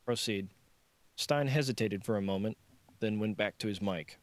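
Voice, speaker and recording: Reading a thriller as an audiobook, a man delivers the scripted narration like a storyteller. His voice is lowish and moves at a moderate pace, recorded close and dry with no room sound.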